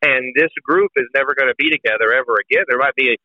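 Young male guest calling in, brisk earnest talker, thin phone-line sound, dry. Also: mid-range voice, dry recording. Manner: earnest, emotional, quick-talking. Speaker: college baseball radio announcer. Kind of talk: podcast interview guest. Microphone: phone call.

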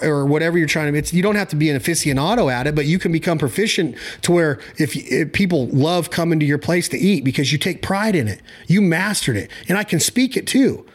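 A man with a slightly high-pitched voice holds forth in casual conversation. He is opinionated and blunt, rambles from point to point, leans hard on his words and drops in mild slang. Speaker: hunting show host.

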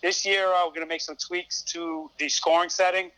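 A man's voice: sits high, flat delivery, normal speed, pushed and bright, clear, resonant tone, rough recording. A man from Brooklyn with a thick Brooklyn accent, answering conversationally as a guest on a podcast. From Brooklyn, New York. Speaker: podcast guest, fantasy sports show host.

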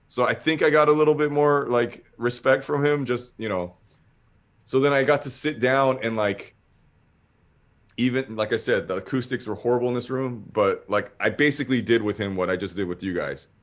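Speaking at medium pitch and an ordinary pace, this man spins a long, meandering tale full of profanity. He brings the story to life by performing other people's lines.

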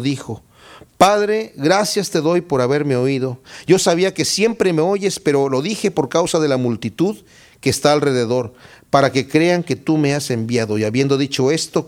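A man preaching a Bible study sermon, reading scripture aloud and explaining it with lively questions to his listeners. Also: on the high side. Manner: expressive, reads scripture then explains it, asks the listeners questions.

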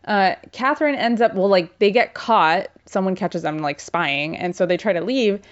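A woman's voice: mid-range voice, animated, moderate pace. A young woman gives a casual book summary in a chatty, irreverent voice. She leans on filler words and slang. The recording sounds slightly dull and lo-fi.

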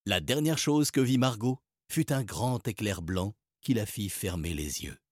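A man narrating a children's storybook in a lively, expressive way. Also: on the low side, unhurried, no room sound, studio quality. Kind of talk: storybook reading.

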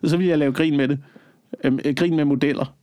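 Man, podcast co-host, earnest and halting, slightly high voice. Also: steady tone, dark tone. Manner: earnest, hesitant, many fillers. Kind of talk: casual podcast chat.

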